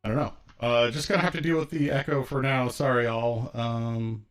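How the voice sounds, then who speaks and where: A man's voice: mid-range voice, fairly even intonation, normal speed, soft background music. A man casting a game match play-by-play, his mic carrying an echoey reverb. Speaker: esports caster. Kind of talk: play-by-play commentary.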